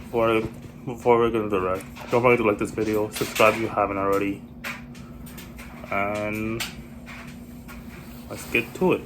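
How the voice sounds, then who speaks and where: A man vlogging casually, a bit sick and husky, rambling as he walks out and back home with a handheld camera. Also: on the low side, level tone, normal speed, pauses often, noisy background. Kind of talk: casual vlog chat. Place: walking outdoors and at home.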